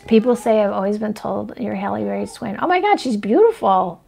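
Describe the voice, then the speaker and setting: A woman's voice: medium pitch, animated, moderate pace, vocal fry, dark tone, slightly rough. A woman in her forties chatting casually on a livestream as she walks through her makeup routine. She rambles and keeps asking "right?" and "you know what I mean?". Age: 40s. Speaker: astrology vlogger showing her makeup routine.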